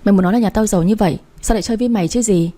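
A woman's voice: medium pitch, very fast, warm tone, lightly acted. A woman reading the part of a blunt, loyal young woman who talks to her friend frankly and teasingly. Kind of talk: audiobook character reading.

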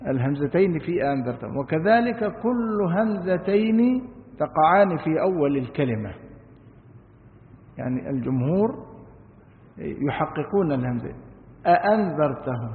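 A man giving a religious lesson, explaining slowly, asking rhetorical questions and chanting verses. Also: a little high, big pitch swings. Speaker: Quran commentary teacher. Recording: echoey hall on a tinny, phone-like line.

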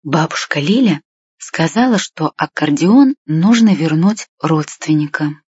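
A woman voicing a timid, gentle young girl who speaks softly. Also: deep voice, lively intonation, a little slow, husky, no room sound, heavily acted. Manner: soft, timid. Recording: dull, dry lo-fi recording.

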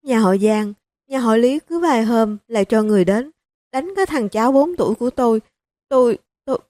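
A woman's voice: moderate pace, a little mellow, no room sound, studio quality, natural voice. A woman voicing a grieving elderly mother-in-law who pleads and sobs through her words, in an audiobook reading. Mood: sobbing plea. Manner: sobbing, begging, high-pitched.

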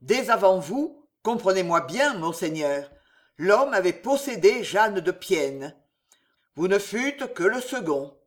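A man's voice: high voice, big pitch swings, takes it slowly, exaggerated voice. A man voicing a sneering, spiteful younger brother. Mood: insinuating. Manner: mocking, hissing, falsely deferential.

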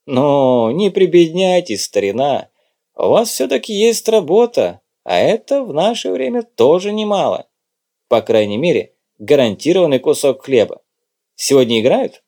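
A man reading an audiobook, voicing a brisk, curt undercover agent. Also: fairly high pitch, very animated, dark tone, pitched above the performer's own voice. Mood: bantering. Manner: brisk, clipped, occasionally snappish. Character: cool, curt male undercover agent in his prime.

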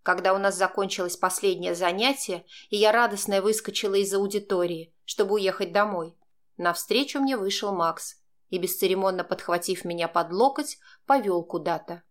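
A woman reads a dramatic first-person novel aloud in a voice of middling pitch. Her telling stays tense and confessional, as if she were recalling her own fear. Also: moderate pace. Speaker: narrator. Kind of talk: first-person audiobook narration.

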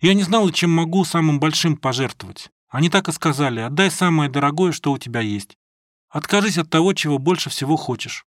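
A man doing a soft, sad young woman. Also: deep voice, expressive, fairly quick, no room sound, studio quality. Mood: tender. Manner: soft, tender, consoling.

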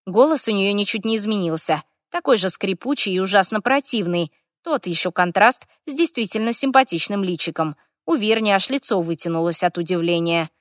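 A woman narrating a first-person fantasy audiobook. Her reading is wry and lively, with ironic asides. The sound is close and completely dry. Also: mid-range voice, brisk, hardly any pauses, no room sound.

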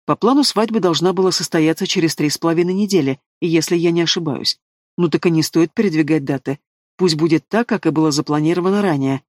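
A man's voice: on the high side, quick pace, no room sound, clean studio sound, lightly acted. Man doing a composed older dragon mother. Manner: composed, unruffled. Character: calm middle-aged queen mother dragon.

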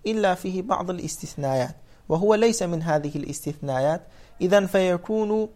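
Man teaching with frequent checks of understanding. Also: high-pitched. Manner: asks the class questions and answers them himself; repeats points slowly and emphatically. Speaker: teacher of Arabic morphology. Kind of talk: classroom explanation.

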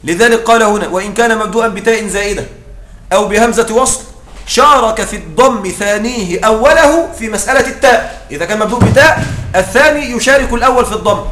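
A man teaching a grammar lesson, often checking that his students follow and reciting quoted lines slowly. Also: extremely high pitch, bright, forceful tone, reverberant. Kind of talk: classroom lesson explaining a text.

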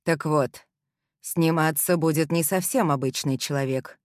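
Strict businesslike boss guy, woman reader doing him, low and even, dry close sound. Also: unhurried, no echo. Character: stern male boss, blunt and businesslike.

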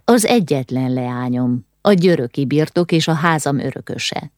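A woman voicing a proud, eccentric middle-aged landowner who speaks with measured, restrained calm. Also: rumbling low, no room sound, studio quality.

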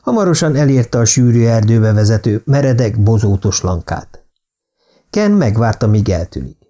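A man narrating a thriller novel as an audiobook in a steady, even reading. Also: lowish voice.

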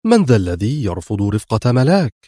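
A cool, wry young secret agent , read by a man in a spy audiobook. The voice is low and confident, recorded close and dry. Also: a little fast, no echo. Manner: calm, wry.

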